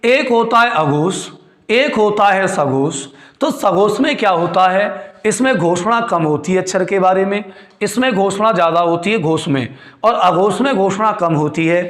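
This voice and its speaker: Male tutor, high voice, quizzing style, roomy echo. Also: animated, measured pace, fairly bright tone. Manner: repeats points, quizzes students with questions; calls students "beti" and "chhote" fondly. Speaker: Hindi grammar teacher. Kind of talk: classroom lecture.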